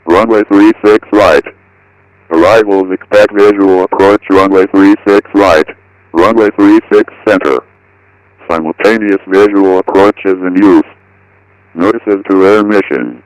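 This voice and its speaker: A deep, smooth synthetic male voice reads out an automated airport weather broadcast. Each item comes out even and clipped, the way text-to-speech does. The sound is dry and close. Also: no room sound, rough recording. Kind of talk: looping automated weather and runway readout.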